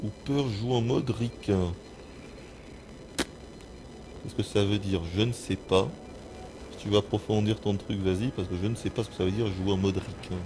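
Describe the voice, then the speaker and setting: A man's voice: on the low side, background noise. A man with a French accent giving casual let's play commentary, talking to himself and swearing as he plays. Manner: talks to himself, swears often. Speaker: gaming streamer.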